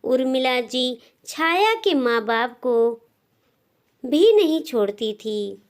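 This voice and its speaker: A woman with a high, clear, resonant voice tells a scripted moral tale like a storyteller. She is very animated, speaking in deliberate phrases broken by frequent pauses.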